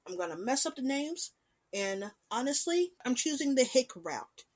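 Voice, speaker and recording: A woman hosting a casual show, talking about an anime in an animated, chatty way with lively swings in pitch and loudness. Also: moderate pace. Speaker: podcast host.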